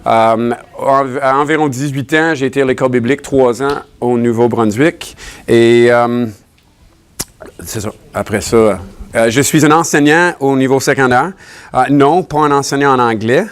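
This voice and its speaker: A man's voice: medium pitch, normal speed, clear, resonant tone. A man from Ontario whose first language is English, preaching a casual, joking sermon in a church, with many fillers and restarts. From Ontario, Canada.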